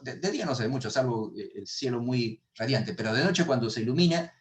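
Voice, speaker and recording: A middle-aged Peruvian man lectures on economics over a video call, his pitch sitting in the middle range for a man. He talks in a halting way, repeating little words and restarting sentences as he answers questions. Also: expressive. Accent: Peruvian Spanish. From Peru. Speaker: economics professor.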